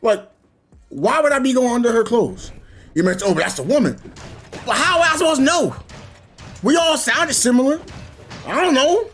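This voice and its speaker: This gaming streamer, a man, has a very high-pitched voice at normal speed with long pauses, over soft background music. During casual gaming chat he spins a rambling, animated tale, acting out its people through voiced quotes.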